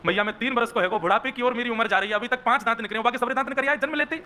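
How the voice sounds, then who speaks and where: A man voicing a mischievous toddler boy god, whining and pleading in a high childlike voice. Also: racing, pushed and bright, exaggerated voice. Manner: pleading, tearful complaining.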